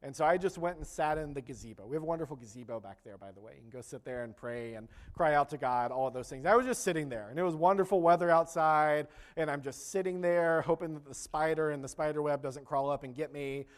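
A man's voice: a little high, fast, hardly any pauses. A man preaching a sermon as pastor, earnest, rising in force when he reads scripture and voices prayers.

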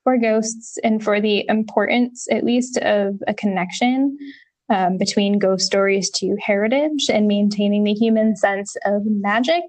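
A woman co-hosting a casual history podcast, talking in a relaxed way with lots of ums and the odd wry swear word. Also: mid-range voice, measured pace. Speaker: podcast co-host.

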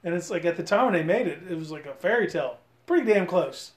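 A man's voice: high-pitched, expressive, fast talker, reverberant. A man co-hosting a podcast, talking about movies with eager, profane enthusiasm and saying "dude" often. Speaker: podcast co-host. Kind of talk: casual chat.

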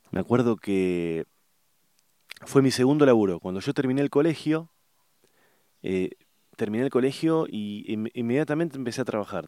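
A man's voice: medium pitch, a little mellow, dry recording, clean studio sound. A middle-aged man with an Argentine Spanish accent, talking in a casual rambling monologue, often hesitating and searching for words. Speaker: vlogger.

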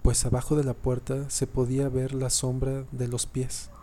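A man narrates a scary family story in a low, mellow voice. His delivery stays flat and even, and he often trips over lines and starts them again. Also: slight background noise. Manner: reads haltingly, often restarting and repeating sentences. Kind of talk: scripted horror story narration.

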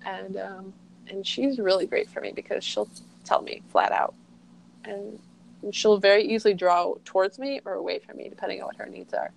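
A woman's voice: mid-range voice, normal speed, creaky, slight background noise, low-quality recording. A middle-aged woman talking in a reflective, rambling way as an interview guest, peppering her speech with "like.". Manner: rambling, heavy use of "like". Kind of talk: reflective casual conversation.

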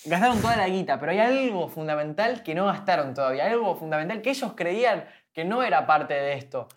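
Fast-talking man on a podcast. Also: high-pitched, expressive. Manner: fast, repeats his points for emphasis. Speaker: podcast co-host. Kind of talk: casual chat.

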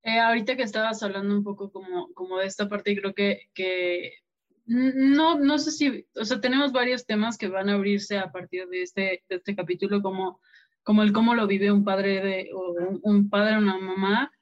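A woman's voice: medium pitch, fairly even intonation, normal speed. A woman co-hosting a podcast speaks in a hesitant, searching way, restarting her phrases as she works out what she wants to say. Her voice sits in a middle register, and the recording sounds dull and lo-fi. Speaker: podcast co-host. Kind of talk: casual podcast conversation.

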